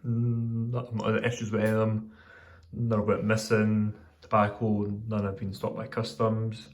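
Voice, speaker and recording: A man's voice: on the low side, monotone, normal speed. A man giving a casual, rambling vlog update as a hobbyist, hesitant and often correcting himself mid-sentence.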